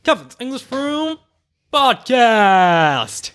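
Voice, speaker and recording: A man hosting a podcast in casual chat, animated and playful with quick teasing replies. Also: very high-pitched. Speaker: podcast host.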